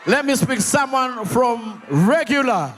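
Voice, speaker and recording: A man's voice: extremely high pitch, expressive, takes it slowly. A man with a Kenyan accent hosting a live comedy show, calling out playfully to audience members in a noisy venue. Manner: loud, playful, calling out to the crowd. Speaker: host working the audience.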